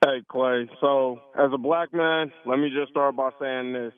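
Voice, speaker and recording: A man's voice: mid-range voice, fairly even intonation, unhurried, clean tone. A man calling in to a radio show over a phone line, earnestly laying out his argument point by point. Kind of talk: call-in opinion.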